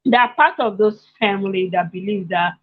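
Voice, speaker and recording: A woman's voice: medium pitch, normal speed, a crowd in the background. A woman from Nigeria telling her personal story in casual conversation, emotional, laughing often and repeating herself. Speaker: guest sharing her story. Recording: muffled lo-fi sound.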